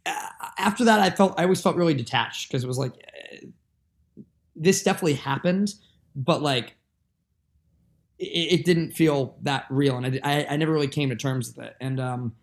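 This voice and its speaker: Earnest young guest musician, gravelly fry, rambling with lots of fillers. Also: male voice, a little high, moderate pace. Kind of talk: candid podcast conversation.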